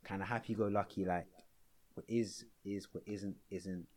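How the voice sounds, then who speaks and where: A man's voice: sits low, fairly even intonation, normal speed, darkish tone. A young man hosting a casual chat, probing with questions and often repeating his words. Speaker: podcast host. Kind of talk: casual conversational interview.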